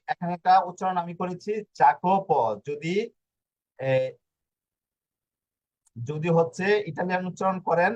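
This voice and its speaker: Male tutor, higher voice, patient step-by-step explainer, dull lo-fi recording. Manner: explains slowly, with many fillers and restarts. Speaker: language teacher. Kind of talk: online language lesson.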